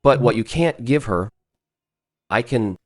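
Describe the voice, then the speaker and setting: A man's voice: medium pitch, animated, measured pace, no echo, clean studio sound. A man playing a provocative, protective designer in an English-dubbed drama, teasing and assured. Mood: challenging. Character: smooth-talking, provocative male designer, protective senior colleague.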